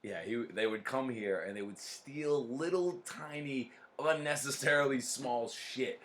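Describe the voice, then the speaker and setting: A man's voice: mid-range voice, measured pace, a little hiss or hum. A man hosting a casual podcast, talking bluntly and swearing a lot. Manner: profane, blunt and animated. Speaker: podcast host.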